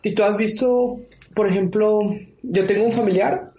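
High-voiced male interviewer, echoey room. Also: fairly even intonation, moderate pace, mellow. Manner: curious, asks probing follow-up questions. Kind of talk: casual interview questions.

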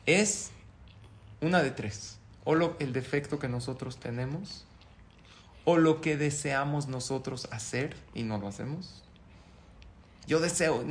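Man, religious teacher, lively storyteller, slightly high voice. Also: a little hiss or hum. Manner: animated storyteller, acts out voices. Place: at home with family.

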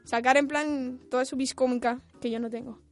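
Young girl cohosting a podcast, high voice, gushy and chatty, bit of music behind. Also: fairly even intonation, brisk. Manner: chatty, gushing, exclamatory. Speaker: podcast co-host. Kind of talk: casual chat.

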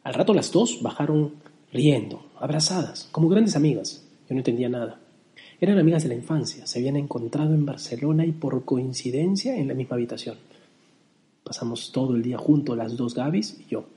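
A man's voice: medium pitch, expressive, fairly quick, mellow. A middle-aged man telling a nostalgic personal travel story, with a recited poem. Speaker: narrator.

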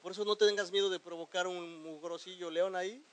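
A pastor with a high voice delivers a sermon in a lively, animated way. He keeps asking his listeners questions and tells them to repeat phrases after him, and he swings between quiet lines and sudden loud bursts. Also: brisk, low-quality recording.

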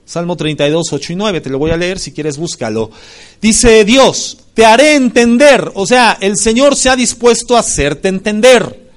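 A male pastor with a Mexican Spanish accent, preaching a sermon emphatically, rising to loud stresses and dropping to low asides. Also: lively intonation. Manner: spells out Greek word roots slowly.

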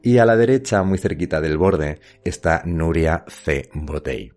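A man's voice: sits low, unhurried, a little mellow, faint music behind. A middle-aged man with an accent from Spain hosting a literary podcast, speaking directly to the listener in a conversational storytelling way. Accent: Spanish from Spain. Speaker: podcast host.

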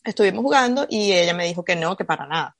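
A woman's voice: on the low side, lively intonation, fast talker, dry recording. A woman chatting casually with other mothers, telling reflective stories and acting out her daughter's lines. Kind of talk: casual chat among mothers.

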